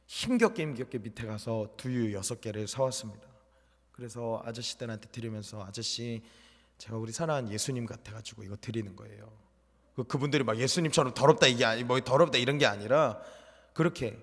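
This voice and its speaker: A young man preaching a sermon in a church, telling a personal testimony that swings between loud and hushed. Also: mid-range voice. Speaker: junior pastor. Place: church sanctuary. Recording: long church hall reverb.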